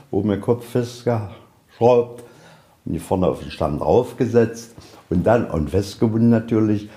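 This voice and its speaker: The guide is a middle-aged man with a medium-pitched, warm voice, walking visitors through a museum. He talks in an informal, colloquial, matter-of-fact way and often answers his own questions.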